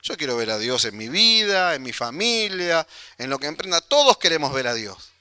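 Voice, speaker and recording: A man with a Rioplatense Spanish accent preaching a sermon, animated and acting out the voices of people in the story. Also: fairly high pitch, moderate pace, clear, resonant tone, no room sound. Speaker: pastor.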